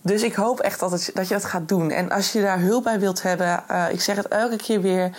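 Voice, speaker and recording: A woman's voice: medium pitch, steady tone, normal speed. A young woman hosting a solo podcast, talking casually and encouragingly to her listeners and slipping in English phrases. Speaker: podcast host and intuition coach.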